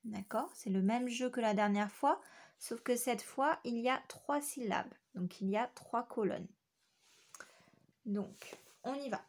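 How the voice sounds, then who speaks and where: A woman teacher giving a phonics lesson to young children, speaking clearly and repeating each word syllable by syllable. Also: fairly high pitch, a little slow. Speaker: schoolteacher.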